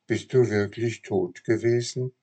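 An eager, remorseful wooden puppet boy from a storybook, as a man reading aloud puts him on. The voice is pitched up and pleading, with a husky, dark grain underneath. He is earnest and a little whiny. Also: fairly even intonation, measured pace.

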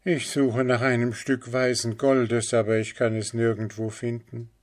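A man's voice: medium pitch, level tone, a little slow, voice pushed up, lightly acted. A man voicing a meek, anxious enslaved boy in a fairy tale, in an earnest raised voice.

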